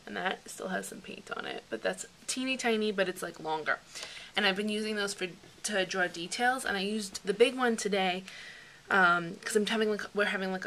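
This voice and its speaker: A woman's voice: lowish voice, noisy background. A young woman chatting casually through a beauty product review, rambling with plenty of fillers. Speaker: beauty vlogger.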